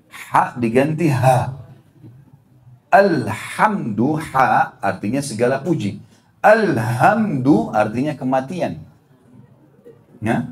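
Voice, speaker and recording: A middle-aged man giving an Islamic study lecture as a preacher. He speaks straight to his audience, repeats his points and slowly sounds out Arabic letters to show how to say them. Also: a little high.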